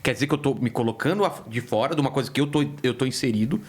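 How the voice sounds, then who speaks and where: A man's voice: mid-range voice, rapid-fire, slightly rough. A male comedian in casual podcast chat, telling stories animatedly and acting out quoted voices. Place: podcast studio.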